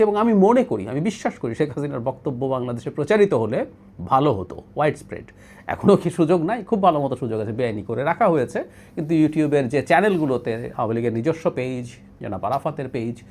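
A man's voice: on the high side, a little mellow. A middle-aged man hosting a solo political talk show, making his case with rhetorical questions. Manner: argumentative, poses rhetorical questions.

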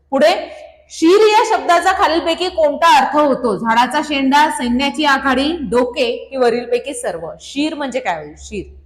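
Marathi lady teacher, highish voice, quizzing her class, lots of echo with a long tail. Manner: quizzes students, reads options, praises by name; repeats questions and answers. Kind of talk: online exam-prep lesson. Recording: echoey room with long reverb.

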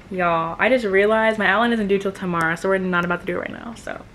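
A woman's voice: mid-range voice, fairly bright tone. A young American woman vlogger chatting casually to the camera at home, rambling with lots of "like". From Maryland, United States. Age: young adult. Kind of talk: casual day-in-the-life vlog chat to camera. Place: rooms at home, indoors. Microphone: camera at arm's length or propped nearby. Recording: clearly noisy home camera audio.

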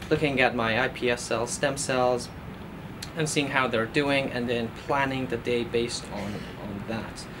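A man in his thirties from Iran, a postdoctoral researcher, speaks earnestly in a documentary interview recorded in a lab office. His voice is medium-pitched, with many fillers and restarts, and there's background noise.

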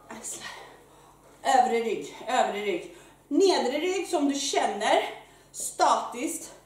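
A woman fitness coach who is out of breath, leading a workout with energetic, loud exclamations while she exercises. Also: high-pitched. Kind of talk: live workout instruction. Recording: very echoey room, mic far off, faint noise.

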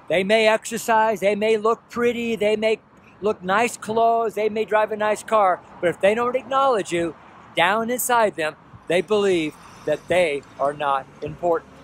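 A man in his sixties preaching outdoors beside a road, talking earnestly into a camera held at arm's length and repeating his points with pleading emphasis. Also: sits high. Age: 60s. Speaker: street preacher. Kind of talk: outdoor street sermon to camera. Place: roadside outdoors by traffic. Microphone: selfie camera at arm's length. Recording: faint traffic noise outdoors.

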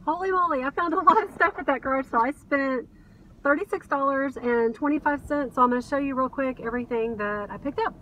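A middle-aged American reseller vlogger with a high-pitched, sharp-toned voice talks briskly to camera from inside her car. She gushes enthusiastically over her thrift finds, and the distant mic in the cabin picks up background noise.

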